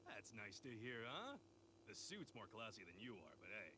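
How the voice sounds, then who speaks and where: A man voicing a small, gruff, sardonic talking creature detective in a video game. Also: lowish voice, very animated, moderate pace, bright, forceful tone. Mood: teasing. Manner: sardonic, teasing. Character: wisecracking talking Pikachu detective, small, gruff middle-aged male. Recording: game audio with music underneath.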